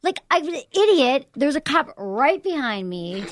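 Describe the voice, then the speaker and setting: A woman podcast host from San Francisco chatting casually and telling an animated story, acting out what people said. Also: sits high, unhurried, no echo, clean studio sound. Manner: animated storytelling, acts out quoted voices. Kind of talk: casual chat.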